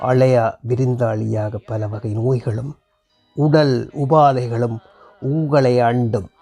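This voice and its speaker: A man narrating a reflective piece in a slow, heartfelt way, his voice breaking at times. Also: mid-range voice, steady tone, dark tone, faint music behind. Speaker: host reading a story.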